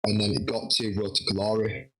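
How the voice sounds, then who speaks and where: A young man, a wrestler guest, telling a lively anecdote with frequent restarts. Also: lowish voice, normal speed, noisy background. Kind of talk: casual storytelling.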